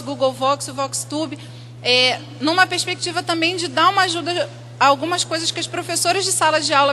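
High, bright-voiced woman teacher. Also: slight background noise. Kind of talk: presentation of school activities.

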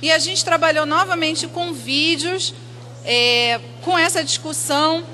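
A woman teacher explains classroom work in an even, steady way. Her voice is high-pitched and bright. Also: unhurried. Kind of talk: presentation of school activities.

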